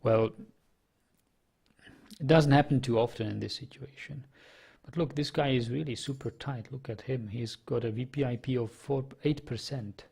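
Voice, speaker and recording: Gravelly, darkish and slightly rough, this young man's mid-range voice moves at normal speed. He's a native Czech speaker from the Czech Republic with a Czech accent, casually commentating his online poker and reading chat, thinking aloud with hesitation and many fillers.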